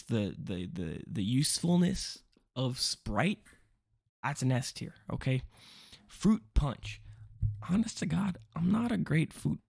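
A man's voice: mid-range voice, creaky, darkish tone, breathy edge, no echo, studio quality. A young man rambling through a casual commentary video, joking and interrupting himself often. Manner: rambling, self-interrupting, jokey asides. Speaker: vlogger.

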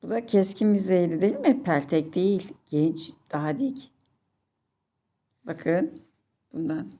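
A woman with a fairly low, mellow voice teaches children to read Quranic letters, patiently drilling syllables one at a time and repeating each sound. She's animated but keeps a measured, slow pace for the recitation lesson.

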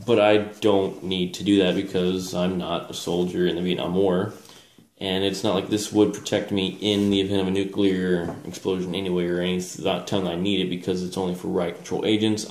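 A man giving a casual, unscripted show-and-tell as a presenter, hesitant and rambling, often correcting himself. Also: low voice. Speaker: presenter reviewing collectible military gear. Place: small indoor room at a table. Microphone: camera mic, speaker off screen. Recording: roomy echo with background hiss.

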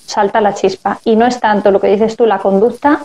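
A woman's voice: medium pitch, steady tone, fairly quick, a little mellow, a little hiss or hum. A woman speaking as a parenting guest in a casual live chat, telling anecdotes and acting out family dialogue.

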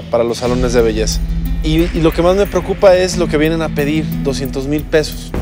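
A man with a Mexican Spanish accent, an investor on a TV panel, giving measured, critical feedback. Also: mid-range voice. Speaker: investor judge. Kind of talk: TV business panel.

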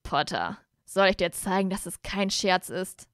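A woman reading a storybook aloud and voicing a smug, arrogant young male wizard with a slightly lowered, sneering delivery. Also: expressive, a little slow, fairly bright tone, dry recording, studio quality.

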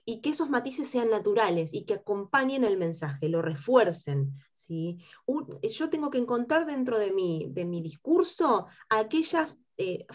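A woman with an Argentine accent and a high-pitched timbre, teaching a workshop class and checking in with her students through rhetorical questions. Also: dull audio. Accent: Argentine Spanish. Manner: explains with rhetorical questions and frequent tag "¿sí?". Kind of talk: lecture to students.

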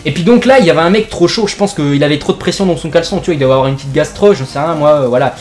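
A man's voice: fairly high pitch, racing, darkish tone. A young man from France, a gaming YouTuber, tells a made-up joke story over gameplay in rambling, jokey slang full of fillers.

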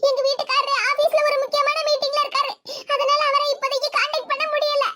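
Cartoon role: woman playing a caring, fretful village housewife, very high voice, Kanyakumari Tamil accent, hissy line. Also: flat delivery, fast talker. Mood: worried. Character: worried young village housewife, caring and anxious. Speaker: voice artist for a cartoon. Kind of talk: animated cartoon comedy dialogue. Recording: hissy home recording.

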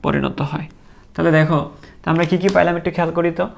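A man teaching a biology class, patiently quizzing students and repeating terms slowly so they can echo them. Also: fairly high pitch, steady tone, gravelly. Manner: patient, encouraging. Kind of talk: classroom lecture.

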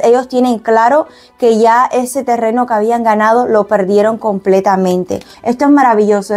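A woman's voice: a little high, a little mellow. A woman giving an emphatic tarot prediction at a table, piling up synonyms for stress. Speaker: tarot reader.

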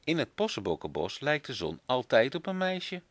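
A man's voice: mid-range voice, very animated, normal speed, fairly bright tone, no echo, voice pushed up. A man voicing a kindly, reassuring flying creature in a children's story.

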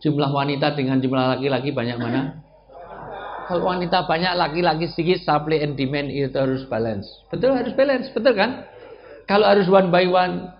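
A male preacher, giving a humorous religious lecture, joking with the audience and acting out the people he quotes. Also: on the high side. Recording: dull lo-fi sound with faint noise.

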